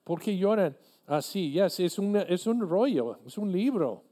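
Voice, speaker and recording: Slow, mellow-voiced male preacher. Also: high voice, animated. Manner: earnest, deliberate preaching with halting restarts. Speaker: pastor. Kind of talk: sermon.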